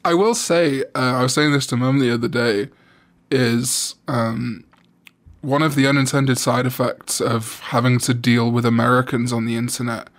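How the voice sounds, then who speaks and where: A man's voice: medium pitch, fairly even intonation, moderate pace. A young Welsh man with a Welsh accent in casual chat, quizzing his friend with riddles, laughing often and swearing freely. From Wales.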